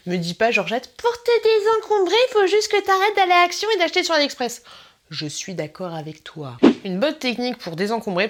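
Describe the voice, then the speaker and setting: A young woman, chatting casually to camera as a vlogger, laughing often and using slang. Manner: chatty, laughing, slangy, mimics people with sudden high voices.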